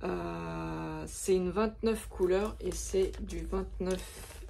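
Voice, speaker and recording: A woman's voice: lowish voice, fairly even intonation, extremely slow, gravelly, dark tone, slight background noise. A woman vlogger chatting casually and hesitantly as she shows her craft supplies, with many fillers. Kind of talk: casual show-and-tell of craft stock.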